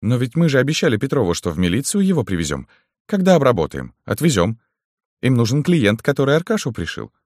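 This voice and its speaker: A man's voice: medium pitch, sing-song, fast talker, darkish tone, dry recording, clean studio sound, voice pushed up. A man reading a meek, dim male underling with a whiny manner in an audiobook. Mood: pleading.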